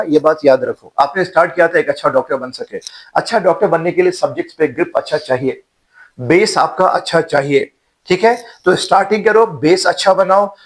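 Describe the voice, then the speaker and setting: A man, a psychiatrist answering interview questions in a calm, mentoring way and often adding tag questions to check in with the listener. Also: on the high side, moderate pace. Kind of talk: advice-giving interview answers.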